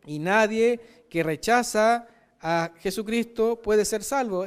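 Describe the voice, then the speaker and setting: A man's voice: sits high, clear, resonant tone. A man with a Chilean Spanish accent preaching a sermon, emphatic and often asking "¿cierto?". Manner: emphatic, frequent rhetorical "¿cierto?".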